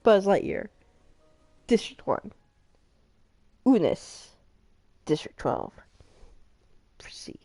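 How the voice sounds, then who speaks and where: A woman's voice: medium pitch, sing-song, extremely slow, long pauses, mellow, husky. A woman hosting a live game stream, chatting casually and reading game events aloud, giggling often between lines. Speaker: streamer host.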